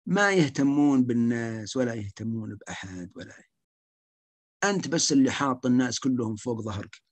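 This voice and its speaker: A man's voice: medium pitch, animated, brisk, dry recording. A man giving a slide lecture on social anxiety as a psychiatrist, emphatic and repeating key points.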